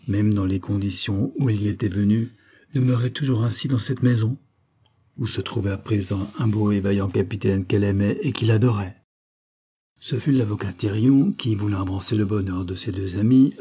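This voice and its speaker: A man reads a classic novel aloud in measured scripted narration. His voice sits low, dark and husky. He paces the long sentences evenly. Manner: measured, literary. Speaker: audiobook narrator.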